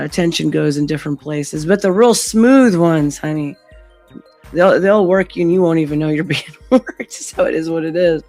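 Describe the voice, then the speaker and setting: Hoarse, gravelly woman losing her voice. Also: sits low, darkish tone. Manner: blunt, sweary. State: losing voice from laryngitis. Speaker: live stream host. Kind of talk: casual live stream commentary.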